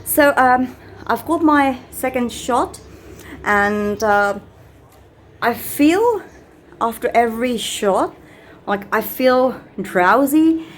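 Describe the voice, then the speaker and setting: Touring a hotel for her vlog, a woman speaks slowly and haltingly in a slightly high voice with lively intonation, keeping it unscripted and chatty. The noisy handheld recording carries faint hotel ambience as she goes from a small room to the lobby, corridors and elevator.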